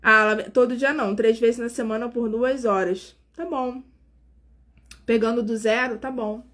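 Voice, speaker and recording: Speaking at a moderate pace with fairly even intonation, a woman in her 40s from Brazil chats with viewers on her casual live stream. She is a nurse who sounds tired, addresses her audience warmly and directly, and uses lots of fillers.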